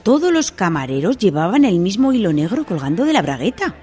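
A woman telling a comic story on local radio in a chatty, expressive way with asides. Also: mid-range voice, fairly quick, music in the background.

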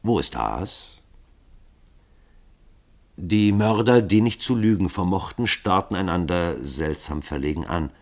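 A man narrating an audiobook in a measured way, dropping low at speech tags. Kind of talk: scripted narration.

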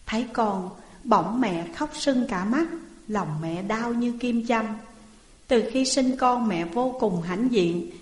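A woman's voice: on the high side, a little mellow. Grieving mother lamenting, read by a woman, mournful, echoey hall. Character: grieving mother lamenting over her daughter. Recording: roomy hall reverb.

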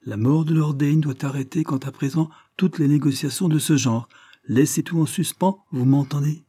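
A man's voice: mid-range voice, normal speed, dark tone, husky, close to an everyday voice. A man reading a curt, decisive lord. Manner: curt, decisive, brooks no reply.

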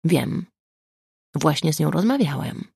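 An unflappable police sergeant answers in a cool, dryly ironic tone, as a woman narrator puts him on. The voice is low and gravelly. The recording is close and dry. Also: animated, unhurried, a little mellow, no room sound, heavily acted. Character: calm, ironic middle-aged police sergeant.

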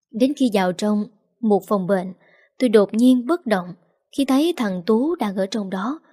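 A woman narrating a first-person story in an emotional, measured reading. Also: mid-range voice, warm tone. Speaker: audiobook narrator.

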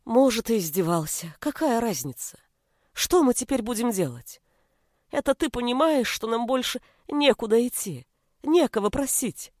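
A woman's voice: on the high side, expressive, moderate pace, a little mellow, no room sound, studio quality, pitched above the performer's own voice. A woman playing a weary, pleading mother. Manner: pleading, lamenting. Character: worn-out tearful middle-aged mother, pleading.

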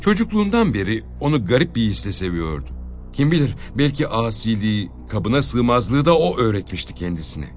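A man narrates a dramatic story with an expressive, animated delivery. His pitch swings widely while his voice stays mid-range. Faint music plays under the reading. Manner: expressive, with measured pauses.

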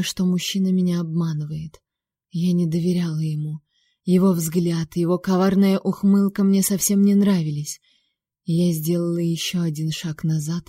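A woman telling a story in first person as an audiobook narrator, steady and tense. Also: fairly low pitch, no room sound, clean studio sound.

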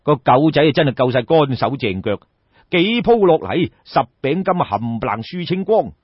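A Cantonese-accented man, working as a storyteller and audiobook narrator, tells a tale in a colloquial, theatrical traditional oral style, speaking straight to his listeners. His slightly high voice is very animated and breathy at a moderate pace, in a dry recording with the highs cut off.

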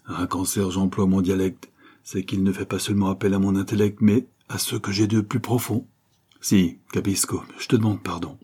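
Brief: male audiobook narrator, low husky voice, dark tone, lively character reads. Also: normal speed. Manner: expressive, voices the dialogue. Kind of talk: first-person crime novel reading.

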